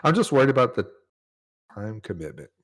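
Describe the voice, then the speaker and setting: A man's voice: on the low side, sing-song, a little fast. A man hosting a casual podcast, laughing a lot and closing out the episode. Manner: laughs a lot, short reactions. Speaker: podcast host. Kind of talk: casual chat.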